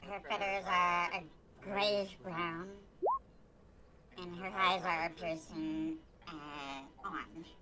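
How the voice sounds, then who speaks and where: Slow woman through a voice changer. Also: lowish voice, steady tone, crowd noise. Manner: hesitant, halting with fillers. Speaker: tabletop game player. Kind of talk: describing a character in an online tabletop game.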